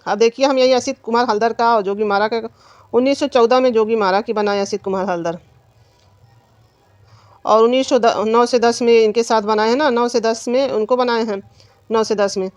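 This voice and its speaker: A woman's voice: on the high side, steady tone, normal speed, darkish tone, dry recording. A woman teacher giving an exam-prep lesson, asking questions and answering them herself. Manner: repetitive quizzing, asks and answers own questions.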